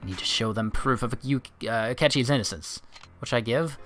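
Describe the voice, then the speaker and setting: A man's voice: mid-range voice, a little fast, fairly bright tone, faint music behind. A man doing casual commentary as he plays a video game, sometimes reading the text aloud.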